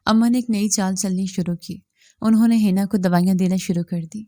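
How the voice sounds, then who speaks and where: A woman reading a moral story aloud as the narrator, in a steady, even manner. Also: medium pitch, dry recording, clean studio sound.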